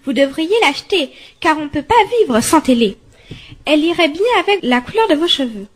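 A wife hooked on advertising who can't stop pitching products, played by a woman in an amateur radio skit. She talks in a high voice with pushy, gushing enthusiasm. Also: animated, a little fast. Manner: pushy, gushing sales talk. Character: ad-obsessed chatty immigrant wife.

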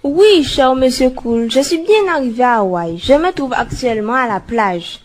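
An easygoing reporter out on a sunny beach, acted by a woman in an amateur radio skit. She reports at a leisurely pace in a high voice. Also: expressive, normal speed.

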